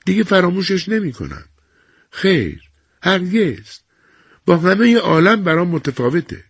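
A proud old grandmother speaks in a thin, lifted voice, as a man puts her on, slow and pleading. Her tone carries a raspy, gravelly grain. The sound is dry and close. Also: sits high, very animated, no echo, voice pushed up, heavily acted. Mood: earnest. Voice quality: raised, thinned voice.

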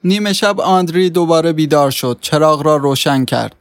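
A male narrator reading a short story aloud with steady pacing, his voice a little higher than usual. The recording is dry and close. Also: smooth, no echo. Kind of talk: scripted audiobook narration.

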